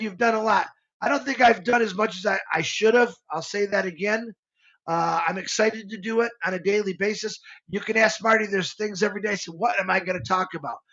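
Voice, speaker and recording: Gravelly, earnest man in his fifties. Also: sits high, sharp tone, muffled recording. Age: 50s. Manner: earnest, rambling, emotional with many restarts. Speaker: show co-host. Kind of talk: live motivational talk.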